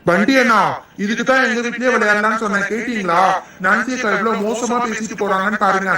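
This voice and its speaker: A man's voice: high-pitched, steady tone, fast talker, pushed and bright, very echoey, far from the mic. A man voicing cheeky, boastful young boys in a cartoon, talking in a bold, teasing and argumentative way. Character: cheeky young boy playmates, boastful and quarrelsome. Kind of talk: cartoon dubbing.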